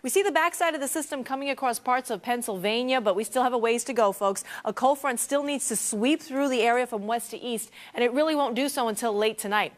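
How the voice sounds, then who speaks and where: Brief: fast-talking woman weather presenter, slightly high, practiced and brisk. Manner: brisk, practiced broadcast delivery with small slips. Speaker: TV meteorologist. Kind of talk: broadcast weather report.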